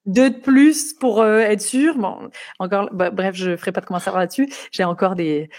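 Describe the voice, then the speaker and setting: A woman from France with a light Quebec touch in her French accent, chatting lively as an interview guest over a live online call. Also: mid-range voice, moderate pace. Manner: lively, chatty, many fillers. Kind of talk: casual interview chat. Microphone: computer for a live online interview.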